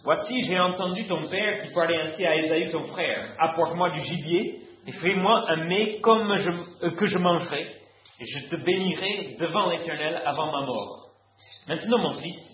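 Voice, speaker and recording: A scheming mother, urgent and commanding, as a man reading puts her on. Her voice sits high and loud, and the room echoes dully. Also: normal speed, a little hiss or hum, close to an everyday voice. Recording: roomy, dull lo-fi recording.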